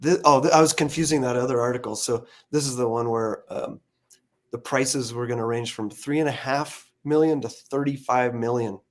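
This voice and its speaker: A man's voice: medium pitch, normal speed. A man hosting a podcast, chatting casually about real estate news in a loose, hesitant way with lots of fillers. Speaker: podcast host. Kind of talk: casual chat over a call.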